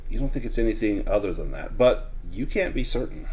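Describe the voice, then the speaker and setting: A man running a tabletop horror game, narrating and prompting players in a measured, conversational way. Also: lowish voice, animated, darkish tone, slight background noise. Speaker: game master.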